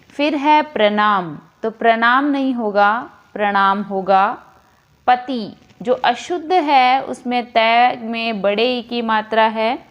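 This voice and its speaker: A woman teacher explaining a grammar lesson slowly and deliberately, repeating each word as she corrects it. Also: a little high.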